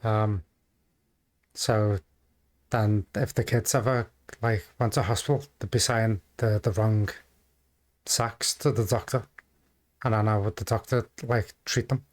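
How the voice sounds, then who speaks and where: A man giving casual, off-the-cuff commentary as a reaction video host, halting and rambling as he goes. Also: lowish voice, fairly even intonation. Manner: hesitant, halting, rambling delivery.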